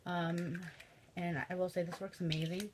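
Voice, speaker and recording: A woman's voice: lowish voice, little pitch movement, moderate pace. A young woman with a Midwestern American accent talks through her makeup in a loose, chatty way, full of ums and likes. Her nose is stuffed up and she sniffles now and then. A faint hiss sits under her voice. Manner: chatty, filler-heavy, says um and like often. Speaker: beauty vlogger. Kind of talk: casual makeup tutorial chat.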